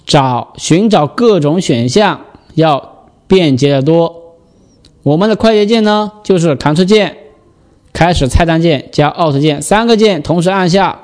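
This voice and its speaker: A man giving a step-by-step software tutorial, explaining and patiently repeating the key steps. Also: sits high.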